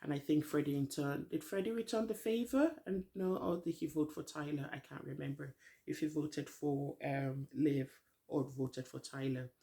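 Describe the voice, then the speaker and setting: A woman's voice: deep voice, moderate pace, dark tone. A middle-aged woman talks through a reality show in a loose, rambling vlog recap. She is candid and opinionated, and she sounds a little worn out. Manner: chatty, rambling, frank opinions. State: tired, hasn't eaten. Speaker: vlogger. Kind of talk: casual TV recap commentary.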